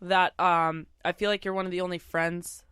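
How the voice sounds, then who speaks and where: A young woman chats loosely on a podcast, dropping curses and laughing as she eats. Her voice comes through smooth and clean. The sound is close and dry. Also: fairly low pitch, little pitch movement, normal speed, a bit bright, no room sound. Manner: profane, laughing, eating while talking. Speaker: podcast co-host. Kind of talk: casual chat over a meal.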